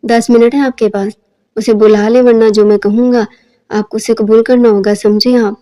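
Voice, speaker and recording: A woman's voice: fairly high pitch, level tone, mellow, natural voice. A woman voicing a cruel, domineering young husband in a storybook reading, with curt, commanding lines. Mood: cold, commanding.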